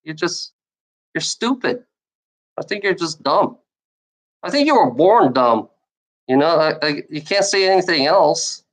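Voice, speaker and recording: Ranting at chat trolls during a livestream, a stuttering woman rambles, repeats herself, keeps restarting phrases, and curses freely. She speaks unhurriedly in a lowish voice with lively intonation, pausing often.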